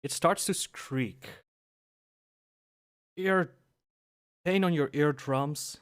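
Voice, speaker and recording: A man narrating a tabletop game as game master, pausing often with fillers. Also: on the high side, fairly bright tone, clear, resonant tone. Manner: measured, with frequent pauses and fillers.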